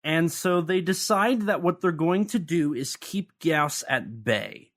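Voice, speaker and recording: A podcast co-host talks through a monster film in a casual discussion, chatty and analytical with light sarcasm. His voice is on the high side, expressive and fairly bright, and he takes it slowly.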